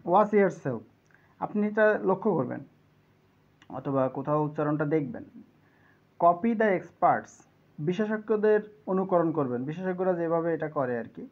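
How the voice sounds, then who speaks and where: Male tutor, slightly high voice, step-by-step explainer, dull lo-fi recording. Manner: explains step by step, reads English tips slowly then glosses them. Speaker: pronunciation teacher. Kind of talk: English pronunciation lesson in Bengali. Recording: dull lo-fi sound.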